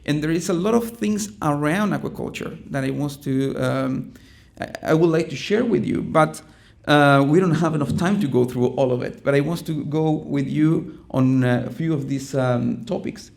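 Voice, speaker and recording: In a conference room, a middle-aged man from Chile presents haltingly in a Chilean Spanish accent, often restarting and saying um. His voice sits a little high, creaky and darkish in tone.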